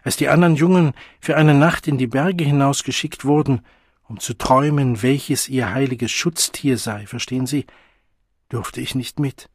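A man reading the part of a lonely, wounded young outcast who confides in a hushed, searching way. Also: mid-range voice, moderate pace, husky, no echo, studio quality. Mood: confiding.

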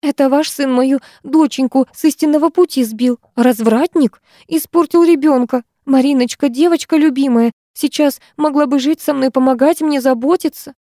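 A woman's voice: moderate pace, hardly any pauses, dark tone, no echo, studio quality, close to an everyday voice. A woman voicing a self-pitying, grasping poor widowed mother who whines and wheedles. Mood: whining. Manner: whining, self-pitying, shrill.

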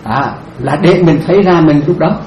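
A male Buddhist monk giving a dharma talk, answering a question gently, repeating his phrases and laughing now and then. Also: fairly high pitch, normal speed, muffled recording. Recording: echoey room, faint noise.

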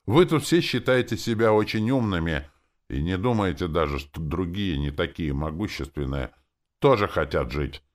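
A man with a low voice reads an audiobook at normal speed, animatedly voicing an emotional teenage girl. In an angry mood, she pleads and accuses sharply.

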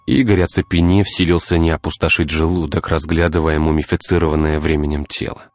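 A man with a very deep voice reads a dark story in a measured, even way. The sound is dry and close. Soft music plays faintly under his reading. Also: no echo. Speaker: narrator. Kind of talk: scripted audiobook narration.

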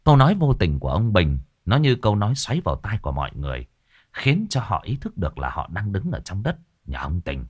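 A man narrating a ghost story in a folksy, animated storytelling manner. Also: on the low side, quick pace, slightly rough, no room sound, clean studio sound.

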